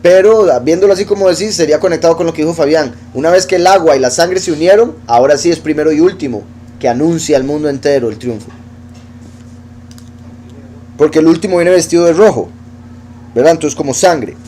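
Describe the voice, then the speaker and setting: Man teaching scripture with a mellow voice. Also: a little high, slight background noise. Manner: explanatory, reads verses aloud and pronounces Hebrew words slowly. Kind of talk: Bible study teaching.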